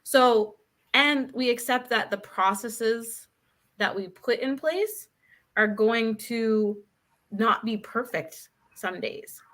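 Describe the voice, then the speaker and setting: A woman is a guest on a talk show, chatting and telling stories with animated energy. Her voice sits a little high and sounds bright and forceful. She often checks in with a quick "right?". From Canada. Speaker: guest, author. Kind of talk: casual conversational storytelling.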